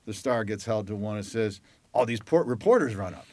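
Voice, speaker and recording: A man with a fairly low voice recounts his playing days as an interview guest. He tells it with energy, acting out the coach, the crowd and the rival in his own voice. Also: fairly quick. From Detroit, Michigan. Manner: animated storyteller who acts out quoted voices. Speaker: guest, former lacrosse player. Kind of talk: conversational storytelling.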